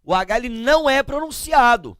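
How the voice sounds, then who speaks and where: A middle-aged Brazilian man teaching grammar to a class, slow and emphatic, asking questions and answering them himself as he spells out letters and sounds. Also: very high-pitched, expressive, a bit bright, clear, resonant tone, dry recording, clean studio sound. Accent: Brazilian Portuguese.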